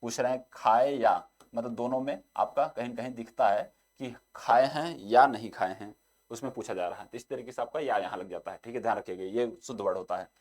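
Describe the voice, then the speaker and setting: A young man teaching an exam-prep lesson. He keeps repeating the same short filler and reads each example sentence slowly. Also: medium pitch, darkish tone.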